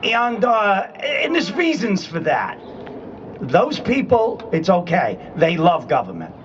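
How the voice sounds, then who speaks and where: His high voice swings hugely in pitch as he speaks slowly; the audio has highs cut off and slight background noise. A retired Army man in his sixties with a New England accent, from Rhode Island and Connecticut, he addresses a public rally at a state capitol, conversational and emphatic, frequently asking "okay?"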